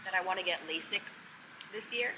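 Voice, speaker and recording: A woman's voice: on the low side, a little fast. A woman in her twenties chatting casually to the camera in a mukbang vlog, eating as she talks. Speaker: vlogger. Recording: loud background noise, vehicle-like ambience.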